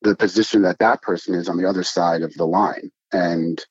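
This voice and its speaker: A man's voice: low-pitched, steady tone, a little fast, husky, no echo, dull audio. A man who co-owns a restaurant, answering interview questions in an earnest, emphatic way and building his points in lists. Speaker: restaurant co-owner.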